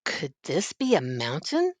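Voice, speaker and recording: A woman's voice: deep voice, huge pitch swings, measured pace, no echo, exaggerated voice. An older woman voicing a small, innocent, wondering toy bear in a grandmotherly storybook reading.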